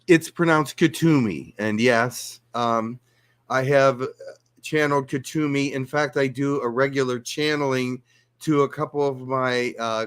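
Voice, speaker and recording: A man being interviewed as a guest, answering questions in a calm, explanatory way. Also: medium pitch. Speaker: guest channeler.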